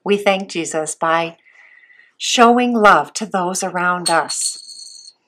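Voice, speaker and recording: A woman teaching a Bible lesson to young children as a Sunday school teacher, sweet and patient, asking simple questions with pauses. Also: fairly low pitch, fairly bright tone.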